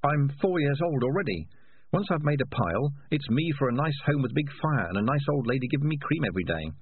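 A man's voice: mid-range voice, animated, fast talker, slightly rough, no echo, narrow, tinny audio, pitched above the performer's own voice. A man voicing a sly, self-satisfied young tomcat in a storybook reading, raised above his usual voice. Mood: smug scheming. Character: scheming young male tomcat, smug and sly.

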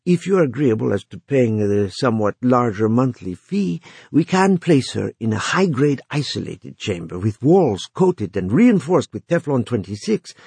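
A man's voice: medium pitch, gravelly, dark tone, breathy edge, no room sound, exaggerated voice. A man voicing a stilted, formal mortuary owner who explains things in a placating manner. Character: stilted male mortuary owner, smooth, bureaucratic.

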